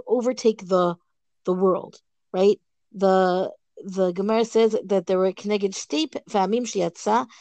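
A woman teaching a page of Talmud in a relaxed, conversational way, thinking aloud and often checking in with "right?". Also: mid-range voice, dry recording. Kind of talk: informal Talmud lesson.

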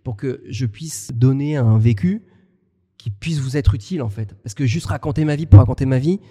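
A man from France co-hosting a podcast, talking things through in a halting, reflective way with many restarts. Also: mid-range voice, warm tone, slightly rough, in a large hall. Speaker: podcast co-host. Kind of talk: casual conversation.

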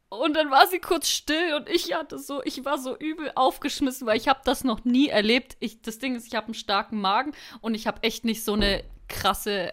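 Young woman telling a story. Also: fairly high pitch. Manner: animated storyteller, often bursts into laughter. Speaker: podcast co-host. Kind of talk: casual podcast chat, storytelling.

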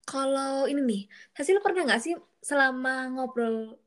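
A woman's voice: high voice, measured pace. A woman hosting a casual interview, asking questions and replying with short acknowledgements. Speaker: host.

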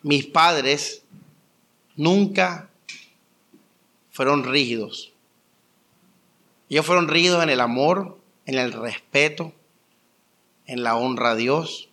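A young adult man preaching a conversational sermon, telling stories with lively rhetorical questions. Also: a little high, slow pace, long pauses. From Colombia. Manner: animated storytelling with rhetorical questions. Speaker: pastor.

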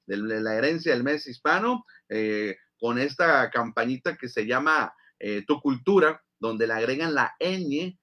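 Male sports radio host, mid-pitched. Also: bright, forceful tone. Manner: steers the show, reads listener comments. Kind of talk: casual sports chat. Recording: dull lo-fi radio audio.

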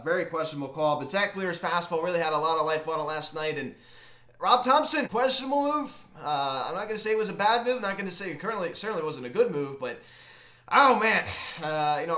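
A man hosting a casual sports recap, talking in a halting, emphatic fan's manner, recorded in an empty closet. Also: sits high, pushed and bright. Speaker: sports recap video host. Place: empty unfurnished closet in a home. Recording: echoey small bare room.

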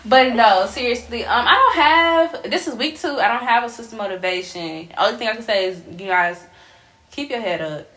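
A woman's voice: fairly high pitch, moderate pace, fairly bright tone. Laid-back woman with a slight lisp. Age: 20s. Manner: laid-back, laughs often. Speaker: podcast co-host. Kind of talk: casual chat.

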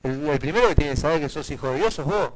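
A male pastor with a Rioplatense accent preaching a sermon, swinging from hushed asides to loud, emphatic declarations. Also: a little high, lively intonation, fast, rough recording. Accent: Rioplatense Spanish.

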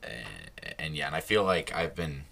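A man's voice: a bass voice, normal speed, vocal fry, fairly bright tone, a little hiss or hum. A young man hosting a casual solo podcast, rambling and stopping himself mid-sentence, laughing at his own slips. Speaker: podcast host.

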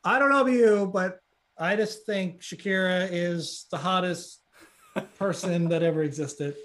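Fast-talking, high-voiced Newfoundland man. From Newfoundland, Canada. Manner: fast-talking, excitable, laughs often. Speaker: YouTuber guest. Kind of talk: casual interview chat.

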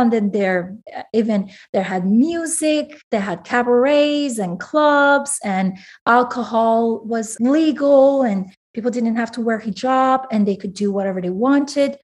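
A woman's voice: a little high, a little mellow. Earnest woman guest from Iran. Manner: earnest, candid, self-correcting. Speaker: author guest. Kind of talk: interview conversation.

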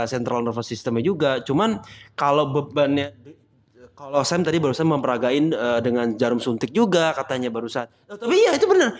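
A man in a casual podcast discussion, explaining training habits and asking follow-up questions. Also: on the high side.

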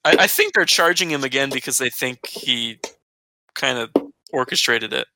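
A man's voice: medium pitch, animated, normal speed, bright, forceful tone, a little hiss or hum, poor audio. A young man co-hosting a casual chat, giving blunt opinions and swearing casually. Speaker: podcast co-host.

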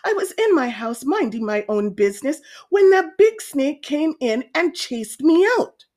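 Storybook rabbit, played by a woman: small, timid, pleading, fairly high and lively, quick to blame others. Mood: anxious, defensive. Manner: pleading, blaming. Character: timid little rabbit excusing itself before the king.

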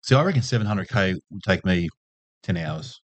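Low-voiced Australian man, dry sound. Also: animated, normal speed, dry recording. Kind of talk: casual chat.

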